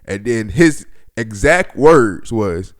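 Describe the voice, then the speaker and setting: Speaking slowly at a fairly low pitch, this twenty-something man hosts a casual storytelling podcast. He swears, uses slang, and livens up his anecdotes by performing the dialogue.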